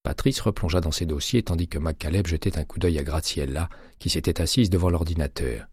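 Deep husky male audiobook narrator. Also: no echo, studio quality. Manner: steady, measured reading. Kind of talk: scripted narration.

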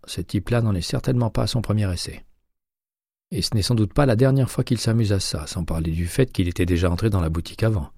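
A man reading an audiobook, voicing a sharp, persistent retired male FBI agent who presses with insistent questions. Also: low voice, no echo, clean studio sound.

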